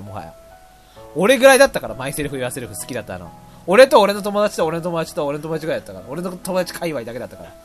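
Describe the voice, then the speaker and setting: This man's voice sits fairly high and has a slightly bright quality. He hosts a relaxed radio show, reading letters from listeners and wandering off on tangents between laughter and quick impressions.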